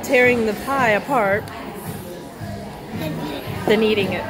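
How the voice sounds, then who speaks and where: A woman's voice: a little high, slow pace. A woman vlogger chatting casually as she films a restaurant review on a handheld phone. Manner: chatty, narrating while filming. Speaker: travel vlogger. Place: busy seafood restaurant. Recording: loud music and crowd noise behind.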